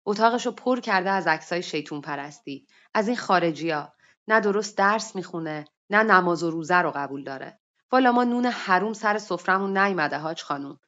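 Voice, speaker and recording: A woman's voice: lowish voice, expressive, fairly bright tone. A woman voicing a weary, anxious widowed mother in her thirties, talking in a confiding, hesitant way, in dull lo-fi online audio. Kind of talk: story reading.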